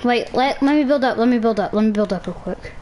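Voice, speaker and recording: A woman's voice: a little high, fast talker, a little mellow, slight background noise, poor audio. Young woman gamer, playful trash talk. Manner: playful trash talk with sound-effect noises. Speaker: gamer streamer. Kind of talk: casual gameplay commentary.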